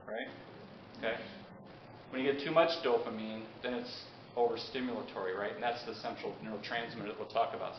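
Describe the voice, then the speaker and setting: A pharmacist giving an informal public lecture, chatty and often checking in with the audience. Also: male voice, mid-range voice. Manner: chatty, asks the audience questions. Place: meeting room with an audience. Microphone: handheld mic. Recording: echoey, dull, noisy room recording.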